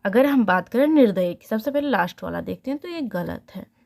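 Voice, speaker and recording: A woman's voice: fairly high pitch, animated, a little fast, vocal fry, darkish tone. A woman teaching a spelling lesson online, repeating each answer and asking herself questions before she answers them. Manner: repeats answers, asks and answers her own questions. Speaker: Hindi exam tutor.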